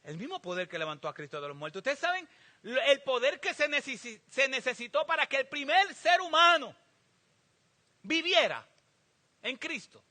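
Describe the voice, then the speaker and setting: A pastor preaching a sermon, asking the congregation emphatic rhetorical questions. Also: male voice, extremely high pitch, sing-song, moderate pace, sharp tone. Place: church sanctuary.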